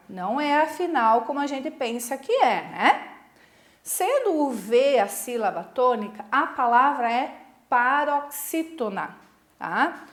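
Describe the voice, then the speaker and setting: A woman's voice: high voice, roomy sound. A woman teacher with a Brazilian Portuguese accent giving a patient, instructive recorded lesson for sixth graders, often checking in with tag questions.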